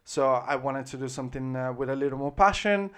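This is casual interview chat in Australia with a thirtysomething Italian man who has an Italian accent. His mid-range voice is brisk, a bit bright, and smooth, and his talk wanders, packed with "like" and "um" and repeatedly restarted.

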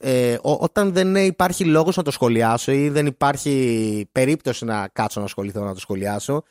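A man's voice: medium pitch, darkish tone, no room sound, clean studio sound. A man hosting a casual podcast chat, playful and teasing, laughing often. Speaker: podcast host.

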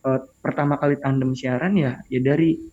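A young man chatting casually as a guest on a podcast, playful and quick to laugh. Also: medium pitch, fairly even intonation, phone-quality sound, soft background music.

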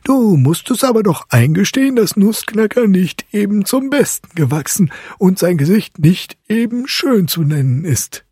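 A man's voice: sits high, normal speed, few pauses, husky, no echo, clean studio sound, pitched above the performer's own voice, full character voice. A man doing a snarling old clockmaker godfather. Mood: coaxing. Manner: snarling, monotone chant.

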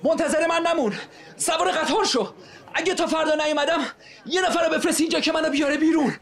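A man's voice: very high-pitched, a bit bright. A man playing an indignant young husband. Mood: urgent. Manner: protesting, formal and earnest. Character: frail newlywed husband, pale, indignant.

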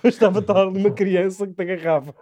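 A man's voice: high-pitched, steady tone, very fast, mellow. A young man chatting casually as a podcast co-host, slangy and teasing. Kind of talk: casual chat.

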